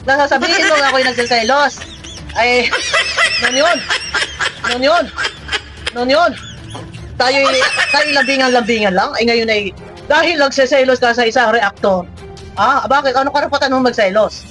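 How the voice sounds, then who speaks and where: A woman's voice: high voice, normal speed, long pauses, loud music behind the voice. A woman vlogger giving mocking, scolding reaction commentary, laughing often as she talks.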